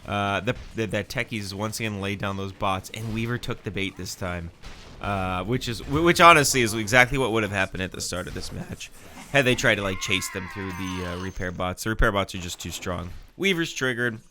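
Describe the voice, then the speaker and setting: A man with a low-pitched, bright and forceful voice calls a video game match live in a loose, chatty way. His nose is audibly stuffy, and he wanders off into asides as he talks. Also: fairly quick, slight background noise. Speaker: game commentator. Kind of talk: casual live commentary.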